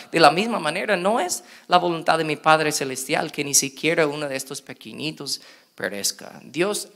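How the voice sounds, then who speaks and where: Animated pastor preaching, bright tone. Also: male voice. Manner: animated, acts out quoted voices with big pitch jumps. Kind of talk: sermon.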